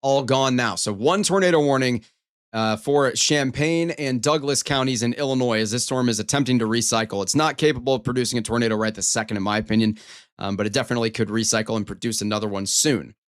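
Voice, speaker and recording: A man's voice: mid-range voice, quick pace. Man giving live severe weather commentary. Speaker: storm coverage livestream host.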